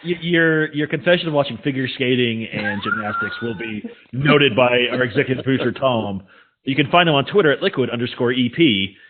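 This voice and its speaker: A man's voice: mid-range voice, huge pitch swings, fairly quick, noisy background. A man from the United States co-hosting a casual podcast chat, joking bluntly and swearing casually. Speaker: podcast co-host. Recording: tinny phone-like sound.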